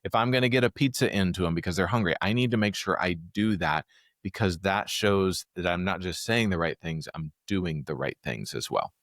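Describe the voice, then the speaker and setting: A man speaking as a calm former police hostage negotiator, coaching in a plain-spoken, reassuring, conversational way. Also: low voice, fairly quick, no room sound, studio quality. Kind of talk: explanatory conversational coaching talk.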